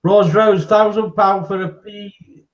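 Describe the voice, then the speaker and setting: High-voiced man on lo-fi stream. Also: fairly even intonation, slow pace. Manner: jokey, greets viewers warmly. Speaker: live stream host. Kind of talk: casual live-stream chat.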